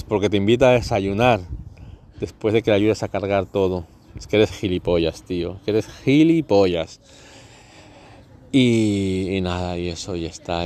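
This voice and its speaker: Sarcastic man, low mellow voice. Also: a little hiss or hum. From Catalonia. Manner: sarcastic, profane, ranting. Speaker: podcast host. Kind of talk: comedic podcast monologue.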